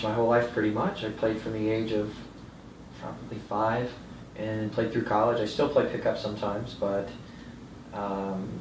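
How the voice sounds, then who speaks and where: A young man from Florida answering interview questions in a matter-of-fact way. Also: fairly low pitch. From Florida, USA. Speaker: interviewee, soccer referee. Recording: roomy, distant mic with background noise.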